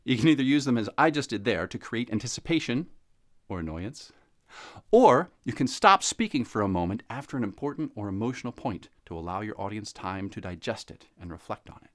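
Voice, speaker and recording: Animated theatrical male speaking coach. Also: a little fast. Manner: theatrical, swings pitch and volume widely for demonstration; playful, laughs between points. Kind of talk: scripted video lesson.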